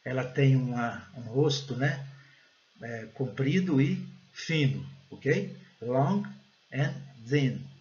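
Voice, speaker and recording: A man's voice: medium pitch, animated, takes it slowly, darkish tone, dull audio. A Brazilian man with a Brazilian Portuguese accent gives an online English pronunciation lesson, explaining step by step and often adding "né?" and "gente".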